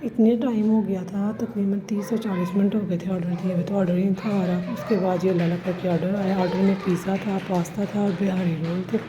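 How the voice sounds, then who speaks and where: A woman's voice: medium pitch, steady tone, fairly quick, few pauses, crowd noise. A woman, narrating a casual home and cooking vlog in a chatty, homely way. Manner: chatty, homely, addresses viewers as "ji". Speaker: vlogger. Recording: slightly dull lo-fi recording with faint ambience. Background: faint household noise.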